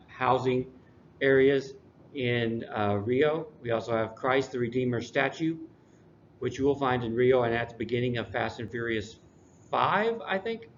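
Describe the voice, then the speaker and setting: A male English teacher walks through a lesson review in an easy, unhurried way, slipping in dry humor. His voice sits at a middle pitch. The recording is dull and lo-fi, with a faint hiss behind it. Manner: relaxed, dry classroom humor.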